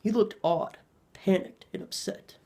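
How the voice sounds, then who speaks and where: A man narrating a horror story in a measured storytelling manner. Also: sits high, a little mellow.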